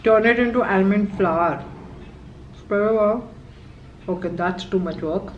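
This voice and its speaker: A young woman vlogging in a casual, excitable chat, talking while she eats. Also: medium pitch, unhurried, a little hiss or hum. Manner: chatty and excitable, talks while eating. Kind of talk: casual vlog chat, mixing Hindi and English. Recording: echoey room, slightly dull lo-fi sound.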